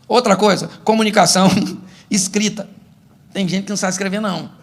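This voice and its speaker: A middle-aged Brazilian man, a pastor, preaching a humorous sermon and acting out couples' arguments in an animated way. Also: high voice, gravelly, a little hiss or hum. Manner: animated, acts out couples' quarrels for laughs.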